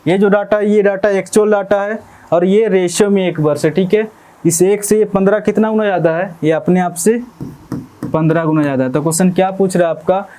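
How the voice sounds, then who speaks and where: A male maths teacher with a fairly high-pitched voice. His tone is soft and dark rather than bright. He works through exam problems step by step, repeating phrases and checking in with students again and again. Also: fairly even intonation, fairly quick. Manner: explains step by step, repeats phrases, asks "ठीक है?" often. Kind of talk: exam-prep maths lesson.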